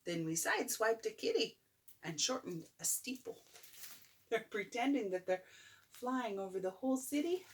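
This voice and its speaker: An older woman, a grandmother, reading a bedtime story aloud in an expressive, playful way, as if to a child. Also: on the high side, normal speed. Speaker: grandmother reading a picture book. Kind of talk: bedtime story read-aloud with chatty asides.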